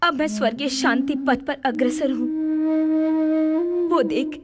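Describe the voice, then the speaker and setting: A woman's voice: high voice, measured pace, pitched below the performer's own voice. A woman voicing a grieving young princess in a radio drama, speaking in a solemn, declamatory way. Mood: resolute. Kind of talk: Hindi radio-drama acting. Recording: music playing behind.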